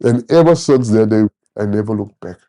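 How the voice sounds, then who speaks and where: A man in his thirties giving a personal testimony in an interview, animated and acting out the people he quotes. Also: on the low side, a little fast. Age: 30s. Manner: animated storyteller, acts out quoted voices. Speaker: church member sharing testimony.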